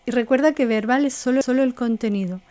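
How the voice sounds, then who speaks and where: A woman coach teaches an online course with a slightly high, warm, mellow voice. She explains patiently, breaking ideas into short, listed phrases. The sound is dry and close. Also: fast talker, no room sound. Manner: didactic, lists items in short paced phrases; acts out example tones of voice. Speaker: NLP coaching instructor.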